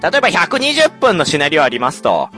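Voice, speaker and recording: A man's voice: a little high, wildly swooping pitch, a little fast, sharp tone, faint music behind. A man hosting a casual chat, talking with enthusiasm and some teasing. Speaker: host. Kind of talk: casual chat reviewing a game.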